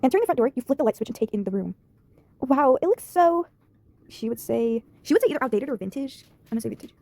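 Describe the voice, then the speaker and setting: A woman's voice: sits high, lively intonation, fast, warm tone. A woman reading an interactive story game aloud with giggly, chatty asides.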